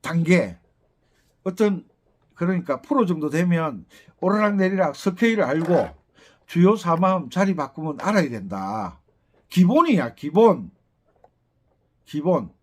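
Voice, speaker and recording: In a casual accordion lesson, a middle-aged Gyeongsang-accented Korean man rambles chattily and throws in teasing asides. He sounds a little high and expressive, keeping a measured pace broken by long pauses.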